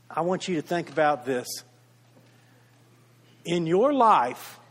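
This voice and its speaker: A male pastor delivering a sermon in a fairly high voice. He preaches earnestly, swelling louder on key points and then falling to a quiet, tender hush. His voice trails off in the long reverb of a big church hall. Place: church sanctuary.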